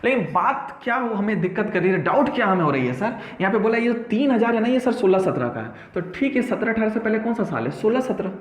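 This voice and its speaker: Man, accounts teacher, animated call-and-response lecture, very lively pitch, echoey room. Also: fast, few pauses. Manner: animated, playful, repeats key terms and answers his own questions. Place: classroom with whiteboard. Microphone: camera in the room.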